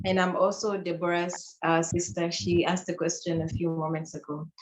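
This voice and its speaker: A woman from Zambia asking a polite, measured question on a video call. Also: lowish voice, level tone. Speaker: audience member asking a question. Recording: echoey, dull, faintly noisy call line.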